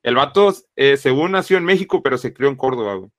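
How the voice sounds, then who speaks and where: A man's voice: mid-range voice, expressive, quick pace, no room sound. A man, chatting casually as a co-host and dropping slang between nearly every phrase. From northern Mexico. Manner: slangy, fills talk with "güey". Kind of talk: casual chat.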